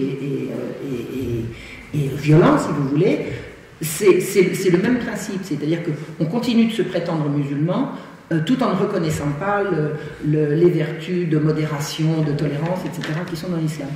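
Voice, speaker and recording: A woman's voice: fairly low pitch, darkish tone. Woman lecturing in an echoey hall. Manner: emphatic, frequent word repetitions and restarts. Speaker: invited guest speaker. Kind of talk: lecture-style talk to an audience. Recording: echoey hall, distant mic, faint hiss.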